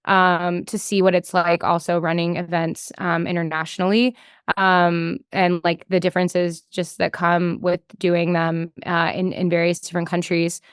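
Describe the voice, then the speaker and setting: On a podcast, a woman who works in developer relations talks casually, reasoning aloud and hedging frequently with "like." Her clear, resonant voice sits on the low side with a flat delivery and moderate pace. The sound is clean studio quality with no room noise.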